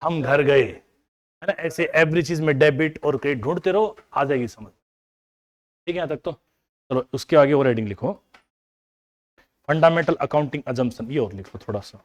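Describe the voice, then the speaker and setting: A man's voice: a little high, a little fast. A man teaching an accounting class, explaining with everyday household examples and coaxing students to remember answers. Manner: everyday household examples, mixing in English terms. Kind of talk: classroom lecture.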